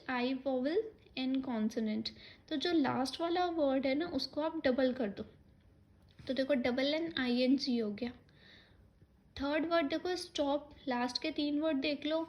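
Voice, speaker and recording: A woman teaching an English grammar lesson for exam preparation, explaining step by step and often checking in with her students. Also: sits high.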